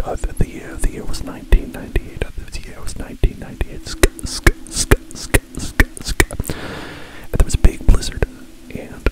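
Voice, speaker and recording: Man whispering ASMR, repeating himself. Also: poor audio. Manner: soft unvoiced whisper, repeats phrases over and over; playful, goofy asides. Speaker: ASMR streamer.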